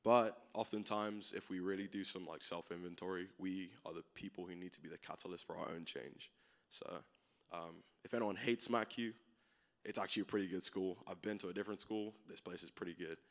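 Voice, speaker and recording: Young male college senior; very deep voice; relaxed, halting delivery with many "uh"s. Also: gravelly. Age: young adult. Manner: casual, hesitant, lots of fillers. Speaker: graduating senior speaker. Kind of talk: informal chapel talk.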